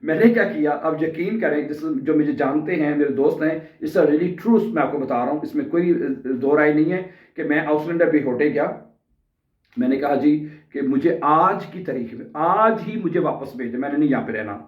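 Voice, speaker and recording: A man from Pakistan, earnestly telling his own story to viewers in a casual vlog and checking in with them often. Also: fairly high pitch. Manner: earnest, addresses viewers directly, keeps adding "okay" checks. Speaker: language vlogger. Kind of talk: casual personal storytelling to camera. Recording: roomy, distant, dull mic sound.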